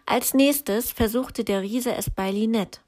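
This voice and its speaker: A woman, likely a teacher, reading a children's story aloud in a slow, calm storytelling way. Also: fairly high pitch.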